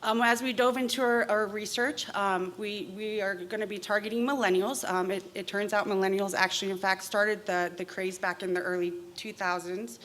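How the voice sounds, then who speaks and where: A woman presenting a business pitch on an event stage, talking steadily with frequent "um" fillers. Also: steady tone, normal speed, hardly any pauses, a bit bright. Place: event stage in front of a screen.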